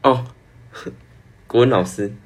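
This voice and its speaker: A man's voice: mid-range voice, slow. A teenage boy from Taiwan, co-hosting a casual podcast and giving short, laid-back replies. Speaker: podcast co-host. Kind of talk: casual chat.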